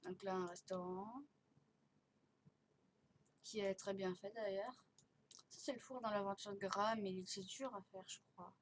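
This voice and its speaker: A gaming video channel host tours a game with casual chat commentary, hesitant and rambling, her mouth barely open and her S sounds slurred by dental elastics. Her mid-range voice is fairly even and unhurried, with frequent pauses, in a noisy home recording full of clicking.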